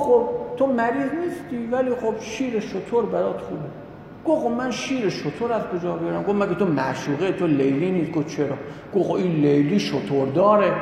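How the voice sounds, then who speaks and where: Man giving a sermon, acts out the people in his story, very roomy sound, faint hiss behind. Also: high-pitched. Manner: animated storyteller voicing quoted characters. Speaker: preacher. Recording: echoey hall with long reverb, faint noise.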